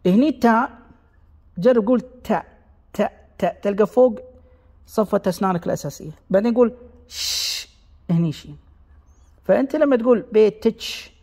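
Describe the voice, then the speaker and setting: A high-pitched man with a Gulf Arabic accent teaches a dialect lesson, drawing out sounds one at a time to show how they are made. His voice is gravelly, and a long reverb hangs on his words. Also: darkish tone. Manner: demonstrates sounds by repeating them slowly; sketches a diagram while explaining. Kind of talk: explanatory lesson.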